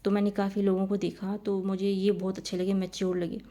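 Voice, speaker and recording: A woman's voice: mid-range voice, completely flat delivery, mellow. A woman telling a personal story in a casual, rambling way, often repeating her phrases.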